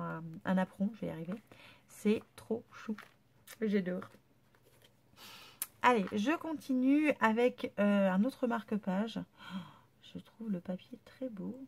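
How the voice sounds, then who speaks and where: Woman vlogger with a cold-stuffed nose and a creaky, gravelly tone, chatty and full of praise. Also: mid-range voice, a little mellow. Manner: gushing, chatty, lots of fillers. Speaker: scrapbooking vlogger. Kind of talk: casual unboxing chat.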